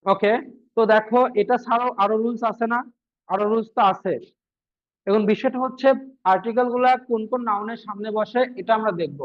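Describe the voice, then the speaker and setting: A man teaches an exam-prep grammar lesson in a fairly high voice. He repeats his points and keeps asking whether it is clear. The sound is thin and tinny, like a phone line. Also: steady tone, a little fast. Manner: repetitive, checks understanding with frequent questions.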